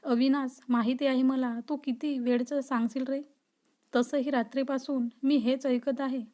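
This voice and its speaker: A sleepy young man, read by a woman storyteller grumbles in irritation at being woken. The voice stays high and level, a light storybook take on him. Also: little pitch movement, normal speed, warm tone, close to an everyday voice. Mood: grumpy. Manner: grumbling, annoyed.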